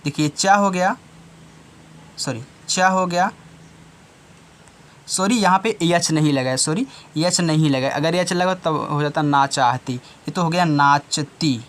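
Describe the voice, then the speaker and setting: A man's voice: a little high, measured pace. A man teaching a reading lesson to children, spelling words out letter by letter and repeating each word several times. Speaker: online tutor.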